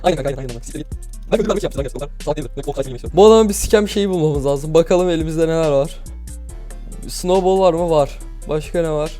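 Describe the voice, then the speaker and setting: A young man giving casual, excitable commentary over his gameplay, swearing often and laughing nervously. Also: a little high, racing, soft background music. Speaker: gaming YouTuber.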